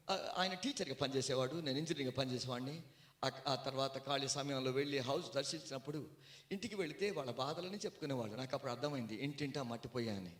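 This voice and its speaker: A man preaching a sermon in a storytelling way, swinging from hushed tones to loud outbursts. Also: on the high side, echoey room. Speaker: guest preacher.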